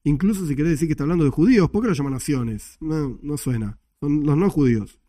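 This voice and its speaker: Man, lively teacher, rhetorical questions, slightly higher pitch, mellow tone, dry close sound. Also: quick pace, no echo. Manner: animated, emphatic explaining with rhetorical questions and chuckles. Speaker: Torah class teacher. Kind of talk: religious study class with slides.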